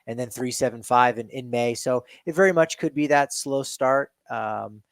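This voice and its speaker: A man's voice: medium pitch, fairly even intonation, normal speed, vocal fry, no echo. A man co-hosting a sports talk show, rambling through stats with many restarts and self-corrections. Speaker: podcast co-host.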